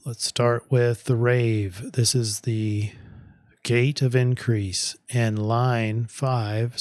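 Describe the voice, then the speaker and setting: Slow, measured man giving a forecast. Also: mid-range voice, a little mellow, dry recording, clean studio sound. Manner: slow, measured delivery with deliberate pauses. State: losing his voice. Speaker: astrology forecaster. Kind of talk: weekly forecast monologue.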